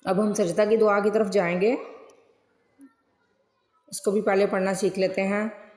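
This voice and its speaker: A woman who teaches the Quran online, giving a recitation lesson and patiently breaking words into syllables that she repeats slowly. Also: medium pitch, level tone, a little mellow. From Pakistan. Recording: roomy echo with long reverb, faint music.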